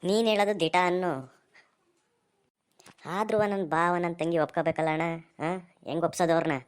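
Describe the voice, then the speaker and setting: Low-voiced woman doing a broke village man. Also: clean tone, natural voice. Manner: rapid rustic dialect, exasperated.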